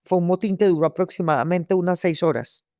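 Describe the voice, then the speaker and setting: A woman's voice: lowish voice, fairly quick, darkish tone, dry recording, clean studio sound. Colombian woman recounting vivid testimony. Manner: vivid storytelling with restarts and repeated words. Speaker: interview guest. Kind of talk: personal testimony in an interview.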